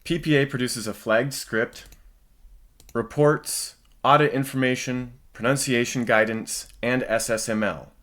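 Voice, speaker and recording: A man giving a scripted narration of a software demo as its presenter. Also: mid-range voice, fairly even intonation, a little slow.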